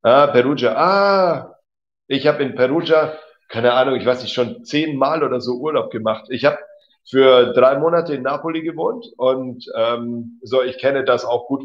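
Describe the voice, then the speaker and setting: A man teaching German in a casual livestream, reading out viewer comments, correcting them and laughing easily. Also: medium pitch. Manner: chatty, reads out and corrects comments, laughs often. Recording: slightly dull lo-fi audio.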